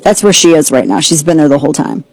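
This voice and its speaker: A woman hosting an opinionated political commentary show, sarcastic and mocking, with quick asides. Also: deep voice, darkish tone, low-quality recording. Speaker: host.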